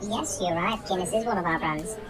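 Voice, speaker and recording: A woman playing a flat, unimpressed call handler in a comedy sketch. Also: fairly low pitch, brisk, over music.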